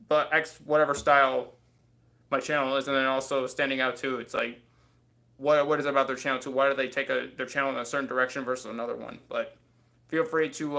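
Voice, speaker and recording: His medium-pitched voice is gravelly and sharp. He's a man in his thirties hosting a casual livestream from a small bedroom, rambling close to a desk webcam with many fillers and frequent "too"s.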